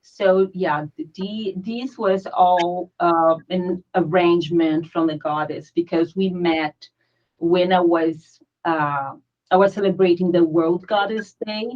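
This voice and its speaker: A woman from Brazil, with a Brazilian Portuguese accent, speaking as a guest in a casual interview, earnest and chatty, sometimes searching for words. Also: on the low side. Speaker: guest, founder of a pagan community. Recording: dull lo-fi audio.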